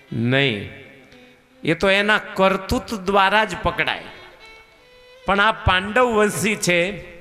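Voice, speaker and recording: A male preacher tells a devotional scripture story in a high, bright voice, unhurried and sing-song. His words carry a long hall reverb, and faint music sits underneath. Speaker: katha preacher.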